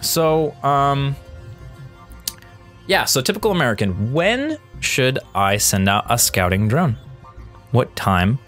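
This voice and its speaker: A man's voice: medium pitch, very animated, slow pace, pauses often, a bit bright, faint music behind. A man hosting his gaming channel, casually commentating a replay of his own match, thinking aloud and answering viewer questions as he goes.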